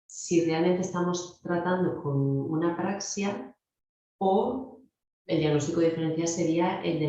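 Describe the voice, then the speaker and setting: A woman's voice: on the low side, dark tone. A middle-aged woman from giving a clinical speech therapy lecture, explaining things directly to her students. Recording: very echoey, dull lo-fi room sound.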